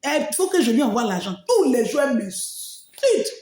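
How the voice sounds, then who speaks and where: Expressive woman telling her testimony. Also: fairly high pitch, fast talker, roomy sound. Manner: expressive storyteller, frequent exclamations. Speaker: testimony speaker. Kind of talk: emotional personal testimony.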